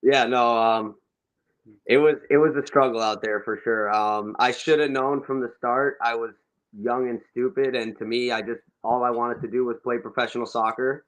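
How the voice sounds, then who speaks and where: A man's voice: mid-range voice, fairly even intonation, moderate pace, a bit bright, poor audio. A young man, a professional soccer forward, casually recounting his career in a laid-back way during an interview.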